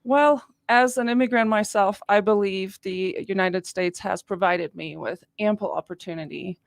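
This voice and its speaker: A middle-aged woman speaks as a studio guest on talk radio, earnest and confident in her answers. Her voice is recorded close and dry, with no room echo. Her pitch sits in the middle for a woman. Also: moderate pace, vocal fry. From Austria. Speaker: guest, district attorney candidate.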